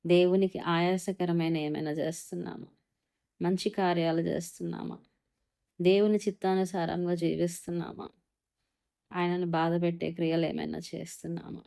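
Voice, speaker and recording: A woman giving an earnest devotional Bible talk, speaking straight to the listener and reading verses slowly. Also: fairly low pitch, vocal fry, warm tone, smooth.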